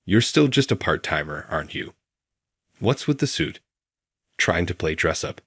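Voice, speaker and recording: A man's voice: sits low, big pitch swings, normal speed, fairly bright tone, slightly rough, dry recording, studio quality, heavily acted. A man reading as a sneering arrogant boss. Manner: mocking, condescending.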